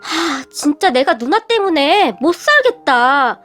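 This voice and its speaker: A woman's voice: very high-pitched, animated, moderate pace, faint music behind. Woman doing an exasperated young husband. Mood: sighing. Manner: sighing, yelling.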